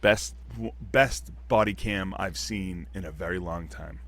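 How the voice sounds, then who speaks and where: A man hosting a podcast in casual chat, joking and reacting quickly. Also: deep voice, vocal fry, crowd noise. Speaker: podcast host.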